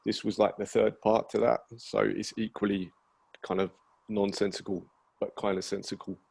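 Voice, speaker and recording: A man who is a nervous spoken word poet at an online open mic, speaking in a slightly husky voice. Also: fairly low pitch, flat delivery, moderate pace, darkish tone. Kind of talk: spoken word poetry and casual chat between poems. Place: online virtual open mic over video call.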